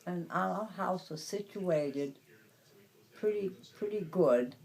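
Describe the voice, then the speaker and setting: An elderly woman in her nineties from Brooklyn, reminiscing in a casual interview, haltingly, searching for words and repeating phrases. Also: on the low side, a little mellow, low-quality recording. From Brooklyn, New York. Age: 90s. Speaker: interviewee recalling the past.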